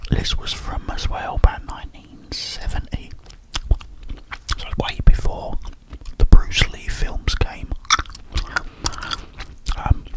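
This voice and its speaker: A middle-aged British man rambling in whispered ASMR up close to the microphone, chewing gum as he talks in short, halting phrases. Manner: chewing gum while talking. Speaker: ASMR video maker. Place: small plain room indoors. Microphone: close desk microphone, headphones on.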